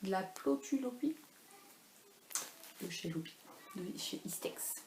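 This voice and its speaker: A woman in her thirties who hosts a knitting podcast chats casually at home, rambling and self-deprecating, with lots of fillers. Her medium-pitched voice is animated and darkish, and she takes things slowly. The room is echoey, with faint ambient noise.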